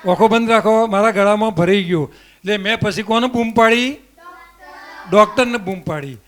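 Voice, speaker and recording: A high-pitched man with a Gujarati accent teaches a group of children. He leads a memory exercise, asking questions and repeating them to coax the class along. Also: fairly bright tone. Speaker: camp teacher. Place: indoor camp hall with children.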